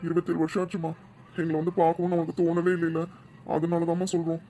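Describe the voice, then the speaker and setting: A man's voice: a little high, monotone, fast talker, warm tone, soft background music, natural voice. A man voicing a sorrowful old grandfather in a cartoon drama, soothing and mournful. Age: older.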